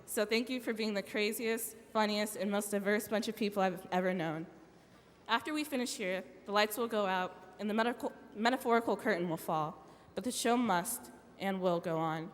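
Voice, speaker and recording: A young woman in her late teens delivers a graduation speech into a podium microphone. She keeps it playful, with joking asides, at a middle pitch. Her voice carries a long echo through a huge arena. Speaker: graduation speaker. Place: large arena.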